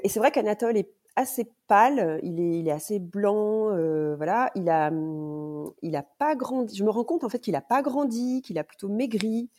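Halting, soft-toned woman telling a story. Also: on the low side. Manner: hesitant, many fillers and restarts. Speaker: podcast guest, mother. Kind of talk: casual storytelling interview.

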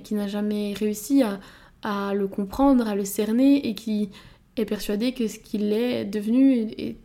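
A woman's voice: mid-range voice, warm tone. A woman hosting a podcast, talking through her thoughts with many hesitations and restarts. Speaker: podcast host. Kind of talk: casual podcast monologue.

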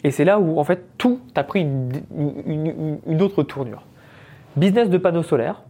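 This podcast host is a Frenchman in his thirties whose somewhat high, mellow voice moves at a moderate pace with plenty of animation. He narrates a story casually and conversationally, dropping English business vocabulary along the way.

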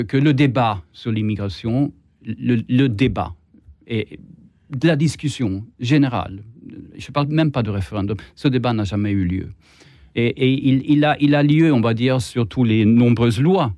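A man's voice: medium pitch, normal speed, darkish tone, dry recording. A man with a Swedish accent speaking as a guest on a political debate panel, hesitant, stumbling over repeated words and restarts. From Sweden.

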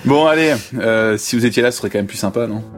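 Fast-talking playful male host. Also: medium pitch, music in the background. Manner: playful, steers the discussion. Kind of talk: casual chat.

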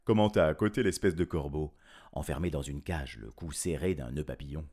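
A man telling a children's story in an animated, playful way, chuckling often. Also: very deep voice, brisk.

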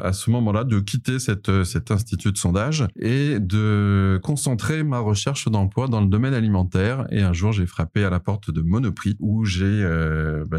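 A Parisian man with a dark, low voice and a Parisian French accent answers interview questions conversationally, hesitating with many fillers and restarts. He is a podcast co-host and data specialist, here being interviewed as a guest.

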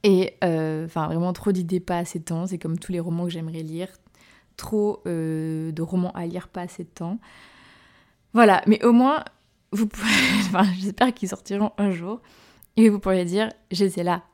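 A woman's voice: on the low side, fairly even intonation, moderate pace. A woman hosting her own podcast as a novelist, chatting casually and hesitantly with lots of fillers and self-mocking laughs. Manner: hesitant, full of "euh" fillers and restarts. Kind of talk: casual solo podcast chat.

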